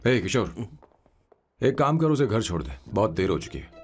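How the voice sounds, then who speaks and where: An earnest romantic young hero. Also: male voice, lowish voice, sing-song, moderate pace, breathy edge, faint music behind, exaggerated voice. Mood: tender. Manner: earnest, emotional, pleading. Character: young man, romantic, fiercely loyal. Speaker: lead hero in a dubbed film. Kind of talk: Hindi film dubbing.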